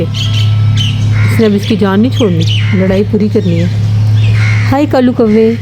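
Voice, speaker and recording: A woman family vlogger from Pakistan giving amused, chatty live commentary while filming birds outdoors. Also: medium pitch.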